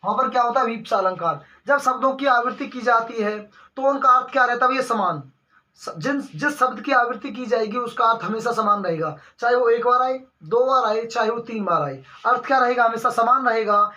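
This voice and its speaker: A man's voice: very high-pitched, fairly quick, bright, forceful tone. A young man teaching a Hindi grammar lesson for exams, asking the class questions, answering them himself and calling the listeners brother. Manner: calls the listeners brother again and again. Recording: dull lo-fi recording.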